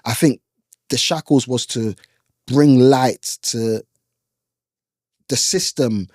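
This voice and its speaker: A man's voice: mid-range voice, slow, darkish tone, no room sound, studio quality. A young man from Ghana with a London accent, a guest musician talking passionately in a casual conversation. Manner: passionate, vocal, uses slang like "bro" and "innit".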